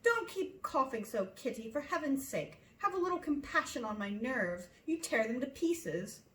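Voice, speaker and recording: Woman acting a fretful, high-pitched nervous mother. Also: very animated, normal speed, a bit bright, reverberant, slight background noise. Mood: exasperated. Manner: exclaiming, complaining, insistent. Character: nervous, fretful middle-aged mother, easily vexed.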